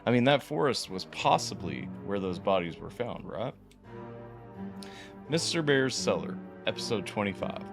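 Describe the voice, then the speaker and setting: Gravelly low-voiced man reading horror. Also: very animated, normal speed, over music. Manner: reads unevenly, stumbles and restarts. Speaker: podcast host reading a horror story. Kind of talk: reading a creepypasta aloud.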